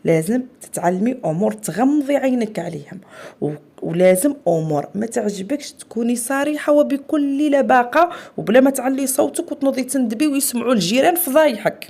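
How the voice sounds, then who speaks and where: A woman's voice: a little high, animated, fairly quick, darkish tone. Woman host, Algerian Arabic accent, blunt and lecturing advice delivery, talks straight to the listener. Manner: blunt, lecturing, keeps asking the listener to agree. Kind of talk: direct advice talk to women.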